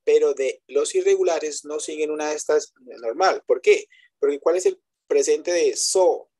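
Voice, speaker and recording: A man with a slightly high, slightly mellow voice speaks at a measured pace while teaching English in an online class over web conference. He explains each step in Spanish, switches to English for examples, and frequently checks that his students are keeping up in this lecture.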